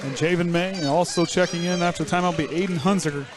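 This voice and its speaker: A man calling play-by-play for a high school basketball game, with joking banter between plays. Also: steady tone, fast, a crowd in the background. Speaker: play-by-play announcer. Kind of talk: live basketball commentary.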